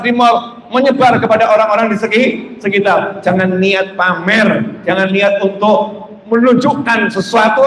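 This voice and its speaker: A man preaching in a live-streamed sermon, lively and humorous, acting out chatter with sudden loud bursts. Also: sits high. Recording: echoey hall, faint background noise.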